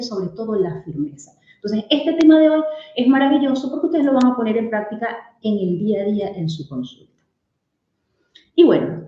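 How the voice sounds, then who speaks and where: A woman's voice: a little high, warm tone, muffled recording. Woman doctor lecturing in an echoey room. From Venezuela. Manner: explanatory, addressing colleagues with case examples. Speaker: aesthetic medicine doctor giving a webinar talk. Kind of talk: clinical lecture.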